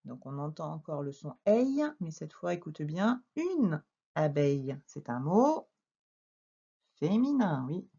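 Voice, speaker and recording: A woman teaching French children to read, dictating words slowly syllable by syllable with lively emphasis. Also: sits low, gravelly, husky. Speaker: primary school teacher. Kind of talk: reading lesson for young children. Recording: dull lo-fi recording.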